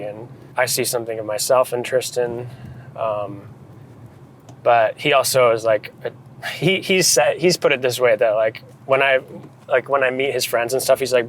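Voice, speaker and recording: A photographer and director from New England in the United States talks in a casual, reflective interview, thoughtful and informal. His voice is mid-range. The audio quality is poor, with a slight hiss or hum.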